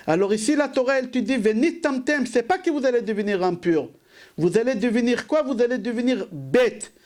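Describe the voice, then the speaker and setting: A rabbi giving a sermon, who asks rhetorical questions, answers them himself and repeats key phrases for emphasis. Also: male voice, extremely high pitch, animated, fairly quick, a little mellow.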